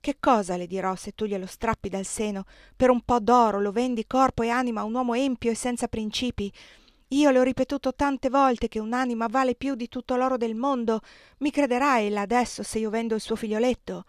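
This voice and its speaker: A woman's voice: medium pitch, a little fast, a little mellow, dry recording, natural voice. A woman voicing a devout middle-aged plantation mistress, speaking with raised, impassioned, pleading force, in a dry recording.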